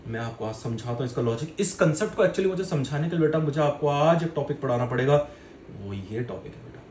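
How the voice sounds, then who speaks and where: A man's voice: medium pitch, expressive, fast talker, a little mellow. A male teacher giving a lecture in a playful, colloquial way, calling his students "beta". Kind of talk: classroom lecture. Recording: echoey room with faint noise.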